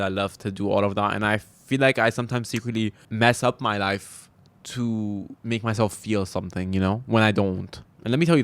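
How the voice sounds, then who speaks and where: A man's voice: on the low side, no echo. A young man hosting a solo podcast, talking in a rambling, self-deprecating, confessional way with frequent laughs. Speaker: podcast host.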